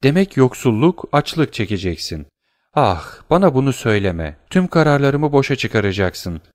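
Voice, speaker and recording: A man's voice: medium pitch, sing-song, moderate pace, dry recording, clean studio sound, close to an everyday voice. A man voicing a middle-aged noble mother, tender and pleading with her son.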